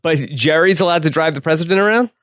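A man's voice: on the high side, quick pace, a bit bright, no echo. A man co-hosting a casual podcast, trading dry jokes and banter with his co-host. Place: home room.

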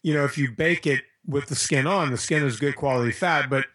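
A man's voice: medium pitch, brisk, fairly bright tone. An American man talking casually and bluntly as an interview guest, handing out informal advice.

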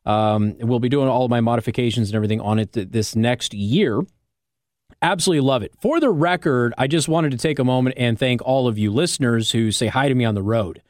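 With a mid-range, slightly mellow voice and a somewhat quick delivery, this American talk radio host argues his views emphatically, chatting with listeners and tossing in rhetorical "okay?" checks. The sound is clean studio audio with no room sound.

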